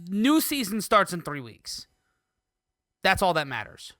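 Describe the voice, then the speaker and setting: A man co-hosting a casual sports podcast, making his points animatedly with drawn-out emphasis and easy laughter. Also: high-pitched, sing-song, pushed and bright, no echo, clean studio sound. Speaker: podcast co-host.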